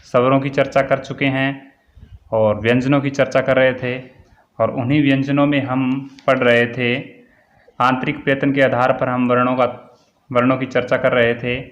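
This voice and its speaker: A man teaching a Hindi grammar lesson, dictating definitions slowly and repeating key words for students. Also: mid-range voice, level tone, muffled recording. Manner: slow, repetitive dictation, word by word.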